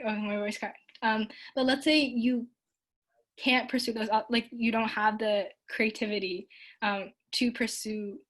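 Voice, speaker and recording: A woman's voice: on the high side, fairly bright tone. A young woman from Canada giving a casual online talk and answering audience questions, her speech full of likes and ums. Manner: frequent likes and ums, upbeat and earnest.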